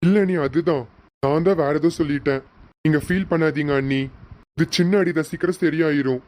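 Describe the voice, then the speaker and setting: A man's voice: on the high side, a little fast, darkish tone, natural voice. Man doing a wounded young husband, suspicious, pleading, melodramatic home serial. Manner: emotional, repeats names. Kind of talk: hobby serial acting.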